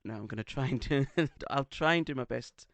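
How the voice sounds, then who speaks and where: English male podcast co-host, camp and teasing, gravelly edge, dry close-miked sound. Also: medium pitch, normal speed, fairly bright tone, dry recording. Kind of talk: casual chat. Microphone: studio microphone.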